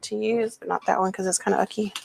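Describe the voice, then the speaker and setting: A woman's voice: medium pitch, steady tone, quick pace, creaky, slight background noise. A woman hosting a home cooking demonstration, explaining each step in a chatty, homey way with casual asides. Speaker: cooking show host.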